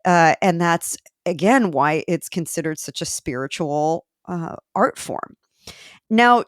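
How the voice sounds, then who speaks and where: A woman's voice: lowish voice, dry recording, studio quality. A woman hosting a solo podcast, talking in a chatty way with self-deprecating asides and a few fillers. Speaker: podcast host.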